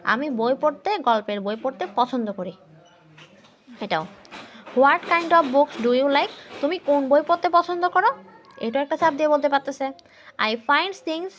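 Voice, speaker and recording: A woman teacher gives a grammar lesson. She spells words out letter by letter, asks questions and answers them herself, and reads English sentences slowly before explaining them. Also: a little high.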